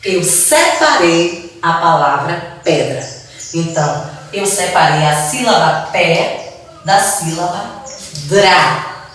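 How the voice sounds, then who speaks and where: A woman teaching with a Brazilian Portuguese accent, explaining slowly and patiently, drawing out syllables and repeating words. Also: on the low side, expressive, a bit bright, a little hiss or hum. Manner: drawn-out syllables, patient repetition. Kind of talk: slow, deliberate classroom explanation. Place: classroom. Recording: echoey room, mic far off.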